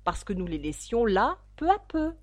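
A woman's voice: on the high side, sing-song, moderate pace, no room sound. Bossy grumpy griffin read out by a lady, snappy, swoops up and down, dry mic. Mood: scolding. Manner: scolding, curt. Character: gruff, impatient griffin, brusque and scornful.

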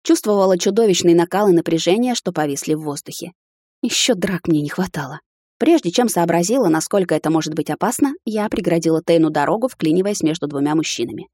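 Low-voiced woman narrating a romance. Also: animated, fast, dark tone, no echo, clean studio sound. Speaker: audiobook narrator. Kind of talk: first-person scripted novel narration.

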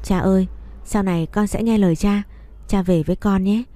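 A woman's voice: mid-range voice, fairly even intonation, moderate pace, dark tone, no room sound, natural voice. A woman reading as a tearful little boy. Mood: pleading. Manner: whining, tearful.

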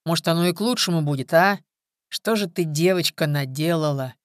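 The narrator voicing an out-of-breath armed man shouting commands. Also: on the high side, fairly quick, no echo, studio quality, natural voice. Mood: tense bitter. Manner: barking commands. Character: panting armed man, tense, threatening.

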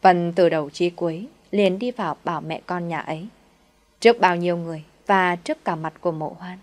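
A woman narrates a tale in a steady, dramatic reading style. Her voice sits a little low. She carries the plot evenly between the voices she plays. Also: fairly quick. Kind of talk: storytelling narration.

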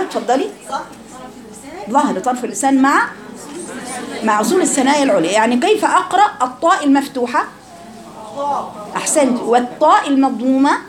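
An Egyptian woman teaching a live recitation class, her voice set a little high. She drills each letter sound over and over and quizzes her students as she goes. A crowd of students can be heard clearly behind her.

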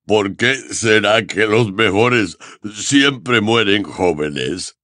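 A man's voice: lowish voice, extremely slow, bright, forceful tone, no echo, clean studio sound, full character voice. A man voicing a huge, weepy, drunken groundskeeper in an audiobook, with a mumbling, growling delivery. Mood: tearful. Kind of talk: audiobook character voice.

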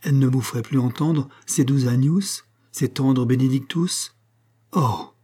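A man voicing an aging male chapel master, excitable and theatrical, swinging between pleading and outrage. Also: medium pitch, unhurried, slightly rough. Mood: despairing. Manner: anguished, pleading outbursts.

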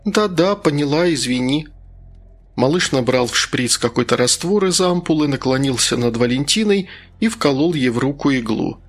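A man reading an audiobook in an even, steady, scripted narration. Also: medium pitch, moderate pace.

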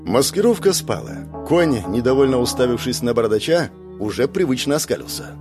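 Man, audiobook narration, first person, medium pitch, lively intonation. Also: a little fast, over music.

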